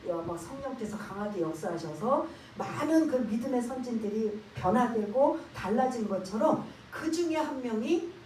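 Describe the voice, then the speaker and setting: A woman's voice: a little high, dark tone, a little hiss or hum. A woman pastor preaching a sermon emphatically and often asking the congregation questions, recorded in an echoey church hall from a distance. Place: church sanctuary.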